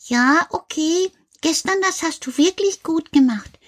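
A woman voicing Karl, a calm, patient male helper who gently corrects and soothes. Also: very high-pitched, a little slow.

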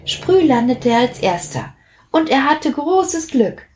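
Expressive, unhurried woman storyteller. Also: high-pitched, slight background noise. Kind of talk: reading a children's story aloud.

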